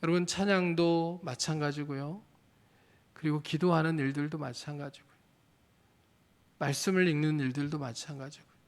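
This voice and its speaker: Male pastor, earnest sermon, slightly raised pitch, questions the congregation. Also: steady tone, normal speed, long pauses. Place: church.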